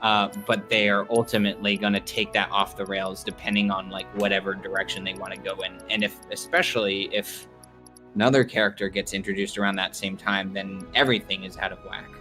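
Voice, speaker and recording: Guy with a lowish voice rambling casually on a stream, says like a lot. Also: level tone, fairly quick, sharp tone, faint music behind. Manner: rambling, heavy use of "like". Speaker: stream co-host. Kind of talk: casual podcast chat.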